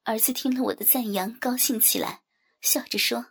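Woman softly narrating an erotic audiobook. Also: a little high, fairly even intonation, normal speed, creaky, husky.

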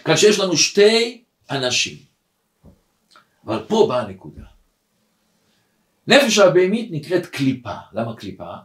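Man, rabbi, weekly Torah lesson, dramatic storyteller, high voice, echoey hall. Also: long pauses. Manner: animated storyteller who acts out the people in his story.

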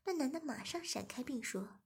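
A woman narrating an erotic audio story in a soft, half-whispered manner. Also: sits high, expressive, moderate pace, gravelly, husky.

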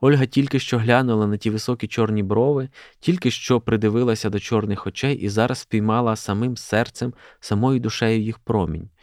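A man, a journalist, reading a classic prose excerpt aloud in a steady, measured way. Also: on the low side, dry recording, clean studio sound.

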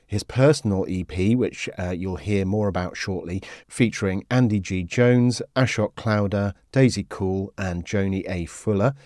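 A man's voice: on the low side, a little mellow, no echo, studio quality. A man hosting a podcast, chatting casually and reading out listener messages. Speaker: podcast host. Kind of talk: casual interview chat.

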